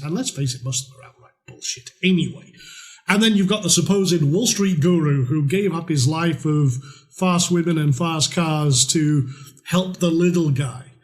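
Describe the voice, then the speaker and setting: Blunt, chatty middle-aged man. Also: on the high side. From Scotland. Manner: chatty, blunt, with mild swearing. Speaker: trading course presenter. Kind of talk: conversational sales pitch.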